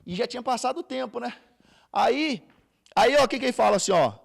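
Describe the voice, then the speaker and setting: A man's voice: very high voice, expressive, fairly quick, vocal fry. A man teaching a casual Bible class, retelling scripture in plain, everyday words with frequent restarts and checks on his listeners.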